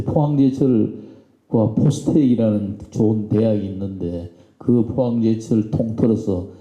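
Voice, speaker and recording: A man's voice: medium pitch, mellow. A man giving a public lecture as a visiting author, telling anecdotes in a folksy way and acting out quoted lines. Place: lecture hall. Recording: roomy hall, dull lo-fi sound.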